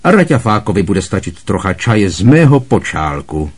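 A man reading aloud, voicing a bossy, loud middle-aged aunt who barks harsh scolding at a boy. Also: sing-song, slightly rough. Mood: scornful. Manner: booming, barking and harshly scolding.

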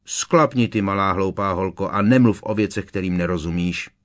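A man's voice: lowish voice, lightly acted. A man voicing a cold, contemptuous female gossip reporter.

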